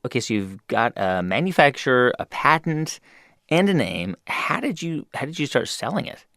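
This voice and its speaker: A woman's voice: a bass voice, big pitch swings, normal speed, fairly bright tone, no room sound, studio quality. A woman interviewer asking brief, curious questions to keep the guest's story going.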